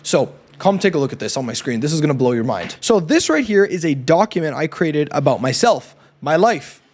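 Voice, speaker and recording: A man in his thirties from Canada giving an emphatic, persuasive coaching talk to camera. He keeps checking in with a quick "right?". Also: on the high side, big pitch swings, a little mellow. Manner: emphatic and persuasive, often adds a questioning "right?". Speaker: YouTube business coach.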